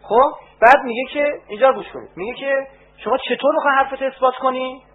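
Animated preaching man on a tinny line. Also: very high voice. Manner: animated, rising to emphatic outbursts. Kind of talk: religious lecture. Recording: tinny phone-like band with faint hum.

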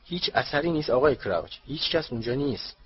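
A man's voice: medium pitch, animated, close to an everyday voice. A man voicing an eager, self-assured middle-aged wizard official who talks insistently, on a dull lo-fi recording. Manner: insistent, raises voice to a shout.

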